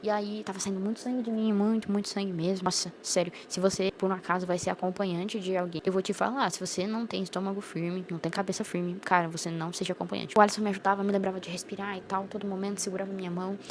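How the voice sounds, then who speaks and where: Rapid-fire chatty young woman vlogger. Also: mid-range voice, flat delivery, a little hiss or hum. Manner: chatty, rapid, full of fillers and slang. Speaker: vlogger sharing her birth story. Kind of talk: casual personal storytelling to camera.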